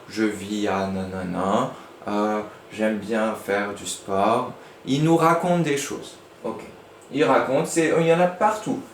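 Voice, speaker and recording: A man giving a lively lesson to young children, using playful voices. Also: fairly high pitch. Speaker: teacher. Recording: echoey room with faint noise.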